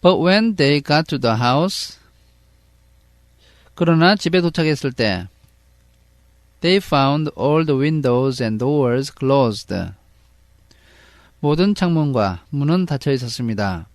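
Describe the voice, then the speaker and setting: A male English reading teacher who reads a storybook aloud very slowly, line by line, and translates each line into Korean. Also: on the high side, animated, no room sound. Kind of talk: read-along lesson with translation.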